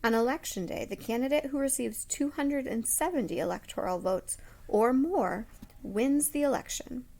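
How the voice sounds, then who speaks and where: A woman's voice: sits high, normal speed, darkish tone. A woman reading the part of a male elementary teacher who explains things in an instructive, emphatic way. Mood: explaining.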